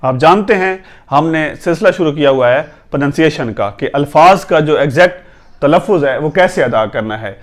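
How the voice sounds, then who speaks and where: A young man teaching pronunciation, with a voice set a little higher than most men's. He spells each word out letter by letter and repeats it slowly and patiently, correcting the usual mistakes. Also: lively intonation. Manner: patient, corrective, often says "theek hai". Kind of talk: instructional video lesson.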